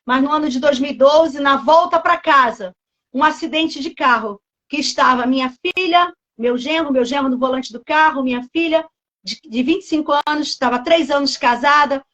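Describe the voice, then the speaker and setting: A woman's voice: high-pitched, moderate pace, a bit bright. A Brazilian woman in her fifties, a pastor giving an emotional, fervent testimony and acting out dialogues with God. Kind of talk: emotional personal testimony preaching.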